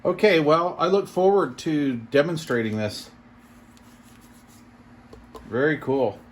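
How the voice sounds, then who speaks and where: His voice on the high side and expressive, the reviewer takes it slowly while casually commenting on an unboxing. He thinks out loud with gentle, impressed exclamations against clearly audible background noise and room ambience.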